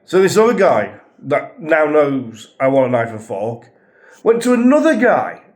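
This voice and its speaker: A man's voice: fairly high pitch, big pitch swings, unhurried, a little mellow. A man vlogging a holiday review, ranting with exasperation, swearing and sarcasm. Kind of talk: angry ranting travel diary.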